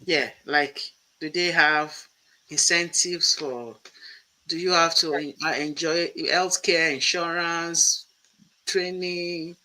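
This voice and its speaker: A man's voice: on the high side, fairly even intonation, takes it slowly, sharp tone, poor audio. A man hosting an interview, explaining points one by one in an emphatic way. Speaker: host and professor. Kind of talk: interview conversation.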